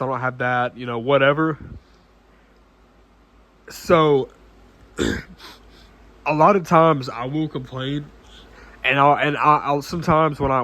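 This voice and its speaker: A nineteen-year-old vlogger talks casually to the camera, earnest but halting, with frequent restarts, fillers, and throat-clearing. His voice is mid-range and a bit bright.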